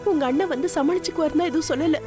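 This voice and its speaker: A wronged young wife, played by an actress, in a Tamil Nadu Tamil television serial. She speaks with a Tamil Nadu Tamil accent in a high, plaintive voice. A music score plays underneath. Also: very fast, close to an everyday voice. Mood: aggrieved. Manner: aggrieved, plaintive. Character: wronged young wife, cast out by her husband.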